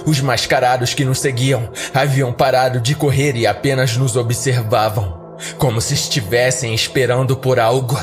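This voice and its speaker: This is dramatic first-person horror narration, scripted and read by a podcast host with a Brazilian accent. His mid-range voice is steady in tone and moderate in pace, set against background music.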